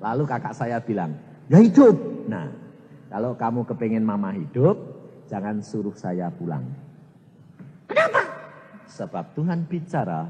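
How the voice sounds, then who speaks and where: A man's voice: on the low side, moderate pace, a little hiss or hum. A male evangelist with a Javanese-inflected accent, preaching a sermon and acting out voices in his stories. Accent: Javanese-inflected Indonesian. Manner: animated storytelling, acts out voices in dialogue. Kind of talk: sermon with anecdotes. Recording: long hall reverb.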